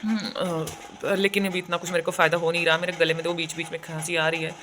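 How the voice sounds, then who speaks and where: A woman's voice: on the low side, flat delivery, fast talker. A young woman from India chatting casually in a vlog, telling stories, with a sore throat and a cough now and then. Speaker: vlogger.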